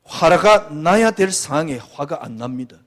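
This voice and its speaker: A male pastor delivering a sermon in a high voice that leaps up and down with great animation. He preaches with emphasis, posing rhetorical question after question. His delivery swings from near-shouts to hushed tones. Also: lively intonation, normal speed.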